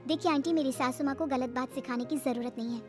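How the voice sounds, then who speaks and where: A woman voicing a timid young bride in a cartoon, soft and pleading. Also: high-pitched, fast, over music, close to an everyday voice. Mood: worried. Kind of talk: cartoon voice acting.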